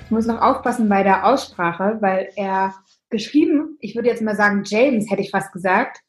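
A woman's voice: medium pitch, normal speed, faint music behind, poor audio. A woman hosting a career podcast, introducing her guest and asking friendly questions. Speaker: podcast host. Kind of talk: podcast interview.

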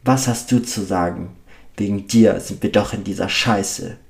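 A man voicing a furious, abusive middle-aged father who bellows his accusations loudly. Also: fairly low pitch, a little slow, creaky. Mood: contemptuous.

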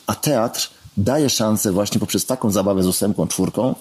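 A man's voice: on the low side, moderate pace, a little mellow, slightly rough. A man telling a reflective story in a casual conversation. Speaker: theatre guest.

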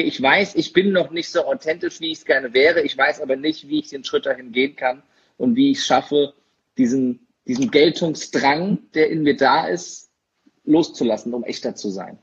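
Husky, hesitant male interviewer. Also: fairly high pitch, lo-fi sound. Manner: hesitant, many fillers and restarts. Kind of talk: interview conversation.

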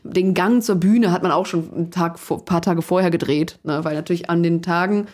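Young woman, interview guest: casual, animated, laughing storyteller. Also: on the low side, fairly quick. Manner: chatty and lively, many fillers, laughs while telling. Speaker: guest, singer.

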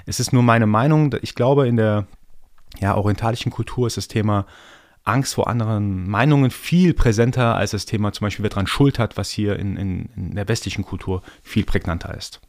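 A man's voice: lowish voice, fairly quick, no room sound. A man born in Iran, hosting a solo podcast and explaining his ideas step by step in a thoughtful, reflective way. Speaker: podcast host.

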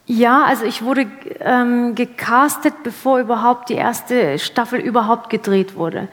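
A woman's voice: a little high, a little slow. A woman actress giving an interview, chatting casually with laughter and self-mocking humor. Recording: long hall reverb.

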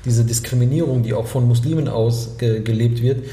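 A man's voice: medium pitch, fairly even intonation, fairly quick, warm tone, roomy sound. A man co-hosting a casual talk show, hesitant and searching for words with many restarts. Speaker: podcast co-host. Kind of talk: casual discussion.

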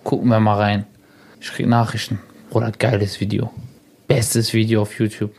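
Young man, radio guest, animated storyteller, acts out quotes, casual chat. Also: on the low side, moderate pace, husky.

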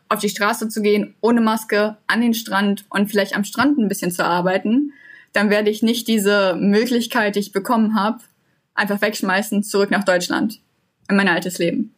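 A young woman from Germany, a guest in a casual interview, talking earnestly in long flowing sentences. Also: mid-range voice. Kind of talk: casual conversation.

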